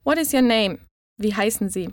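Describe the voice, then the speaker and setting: Woman, language tutor, measured and clear, mid pitch, dry recording. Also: lively intonation, no echo, faint music behind. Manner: clear, measured model pronunciation. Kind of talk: phrase-by-phrase language lesson.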